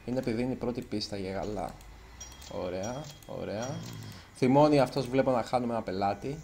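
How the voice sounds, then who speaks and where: A nervous man chats his way through a video game in let's play commentary, his voice sitting at an ordinary middle pitch. He is self-conscious and trips over his words now and then. Faint background noise hums under the recording. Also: dark tone. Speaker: gaming YouTuber.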